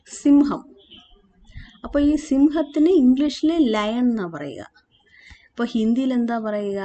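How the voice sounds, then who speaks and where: Slow, patient woman teaching vocabulary. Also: medium pitch, darkish tone, a little hiss or hum. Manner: slow, repeats and spells out words; hesitant fillers and self-corrections. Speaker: language teacher. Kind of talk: spoken language lesson.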